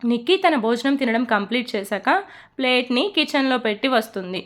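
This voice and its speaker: A woman narrating a romantic story in a steady, expressive reading voice. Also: fairly high pitch, brisk.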